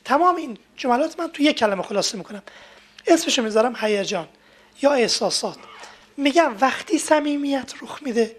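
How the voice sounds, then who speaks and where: A woman with a high, light voice gives a talk on family life. She explains in a steady, teaching way and walks through everyday examples from the home. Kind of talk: lecture on marriage and emotions.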